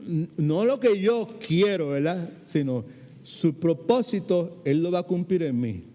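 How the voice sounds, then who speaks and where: A male pastor preaching a sermon in an animated way, often dropping short English phrases into his talk. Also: sits high, moderate pace. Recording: long hall reverb.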